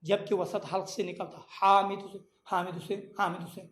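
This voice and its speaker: A pronunciation teacher delivers a lecture at a middling pitch, voicing each letter sound several times and setting it against its variants. The recording has a roomy echo. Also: steady tone. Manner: repeats and contrasts letter sounds slowly, demonstrating each one. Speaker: tajweed teacher. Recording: echoey room.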